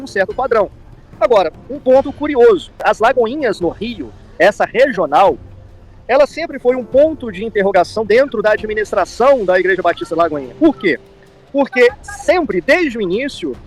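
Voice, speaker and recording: A man with a Brazilian accent giving commentary in an interview as a pastor, explaining with repetition and frequent tag questions. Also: sits high. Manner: explanatory, repeats himself, seeks agreement with tag questions.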